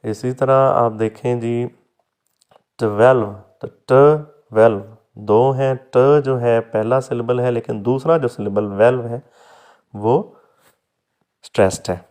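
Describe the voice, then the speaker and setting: This is a man giving a recorded lecture at a very unhurried pace. He explains patiently, step by step, sounding out example words slowly and addressing his students fondly as "beta", at an ordinary middle pitch. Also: steady tone, a little mellow. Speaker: teacher.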